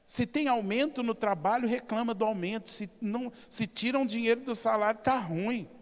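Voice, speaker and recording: A man with a Brazilian Portuguese accent preaching a sermon, telling stories emphatically and swinging from loud to soft. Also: very high-pitched, moderate pace. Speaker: pastor. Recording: reverberant church hall.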